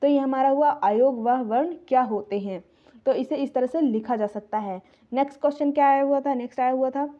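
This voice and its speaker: High-voiced woman tutoring, dull lo-fi sound. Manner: repeats phrases, frequent "uh" fillers and tag "है ना". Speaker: civil services exam tutor. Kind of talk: spoken exam answer walkthrough.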